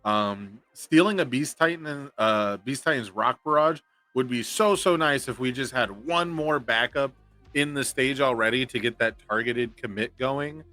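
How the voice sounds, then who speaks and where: A man giving live, analytical commentary on a card game tournament, thinking through each possible play out loud. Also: mid-range voice, normal speed, no echo, faint music behind.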